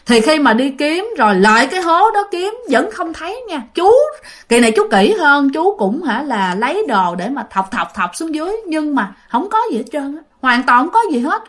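A woman tells a ghost story in a loose, chatty way. She fills the gaps with small sounds and keeps turning to speak to her listeners. Her voice sits fairly high. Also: big pitch swings, moderate pace, a bit bright. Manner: chatty, many fillers, addresses listeners directly. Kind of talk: casual spoken storytelling.

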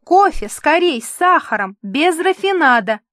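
A woman's voice: sits high, big pitch swings, a little slow, a bit bright, no room sound, studio quality, voice pushed up, exaggerated voice. A woman voicing a capricious, pampered male TV star who whines and complains fussily. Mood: whiny petulant. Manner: whiny, fussy, theatrical complaining.

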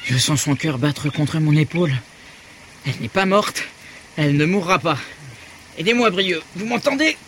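An actor playing a determined, protective explorer captain in a radio drama, firm and commanding. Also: male voice, on the high side, expressive, normal speed, a bit bright, a little hiss or hum. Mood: urgent.

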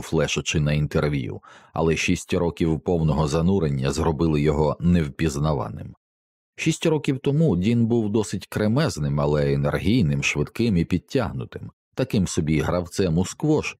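A man narrating an audiobook in a steady, measured reading. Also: sits low, no echo, studio quality. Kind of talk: scripted narration.

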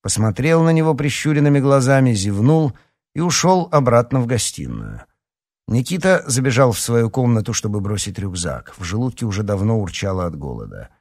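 A man narrating a youth fantasy audiobook with dramatic, expressive reading. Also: mid-range voice, brisk. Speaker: audiobook reader.

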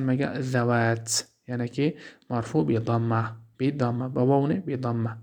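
A man with a Tajik accent teaching an Arabic grammar lesson, asking himself questions and repeating key terms slowly. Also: medium pitch, a little mellow.

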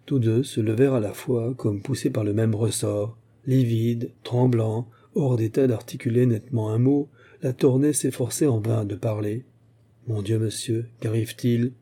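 A male audiobook reader tells a classic novel in measured, even prose. His voice is very dark and mellow, with a husky grain. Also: mid-range voice. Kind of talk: scripted narration of a classic novel.

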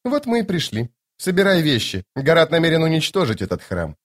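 Brief: male reader doing imperious, flirtatious sorceress woman, high lilting voice, mocking and commanding. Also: wildly swooping pitch, brisk. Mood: teasing. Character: haughty, teasing sorceress woman, playful and imperious. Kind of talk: audiobook character voice.

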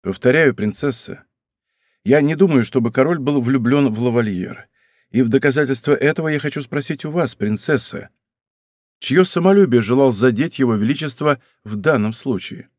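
A man voicing a young nobleman in love who speaks softly, respectfully and with restraint. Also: lively intonation, moderate pace, no room sound, studio quality, close to an everyday voice. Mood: restrained earnest. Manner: low, soft, restrained and deferential. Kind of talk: audiobook character reading.

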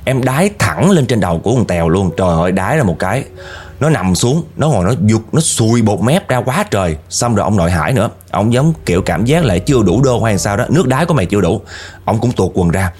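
A man with a Southern Vietnamese accent telling a ghost story in a casual, animated way, often speaking straight to the listeners. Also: on the low side, fast talker, slightly rough. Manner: animated, addresses listeners directly.

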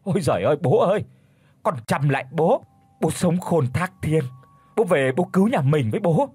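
A man's voice: a little high, big pitch swings, normal speed, breathy edge, pitched above the performer's own voice, exaggerated voice. A man voicing an old rich landlord who pleads and wails before his father's ghost. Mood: pleading. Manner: wailing, pleading.

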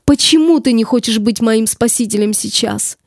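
A woman's voice: a little high, moderate pace, creaky, dry recording, studio quality. A woman reading the lines of a damned woman's soul, who pleads in anguish and torment. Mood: pleading. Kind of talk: audiobook reading.

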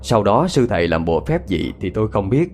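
A man telling a scripted horror story in an animated, dramatic way. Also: fairly low pitch, a little fast, soft background music.

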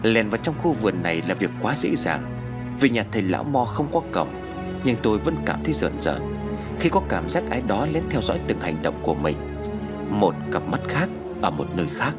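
A man narrating a horror story in an expressive, dramatic storytelling style. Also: on the low side, normal speed, over loud music. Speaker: audiobook narrator.

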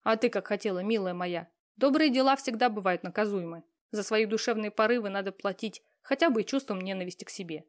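A woman's voice: mid-range voice, fast, hardly any pauses, close to an everyday voice. A woman reading a cheeky, cynical young friend. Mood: breezy. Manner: breezy, matter-of-fact, teasing. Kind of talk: audiobook character reading.

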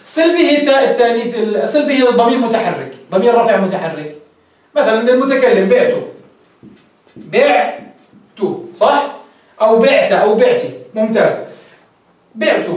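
A man's voice: extremely high pitch, darkish tone. A man who teaches a grammar lesson as a sheikh and keeps checking with his students, asking and answering his own questions. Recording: echoey room, voice far from the mic.

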